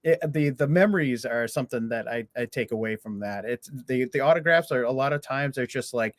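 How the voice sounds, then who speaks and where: This podcast co-host chats casually and rambles, restarting his sentences often. His voice is medium-pitched and fairly quick, captured in studio quality with no echo.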